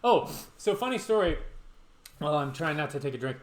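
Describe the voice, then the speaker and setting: Roomy-sounding middle-aged man, halting storyteller. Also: fairly high pitch, lively intonation. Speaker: podcast host and challenge organiser. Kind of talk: casual chat and storytelling. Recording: roomy, echoing sound with background noise.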